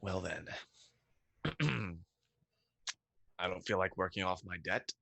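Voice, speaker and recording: A man with a deep voice and a very sharp, bright edge, in a dry recording. He chats casually as a tabletop game player. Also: takes it slowly, vocal fry, dry recording.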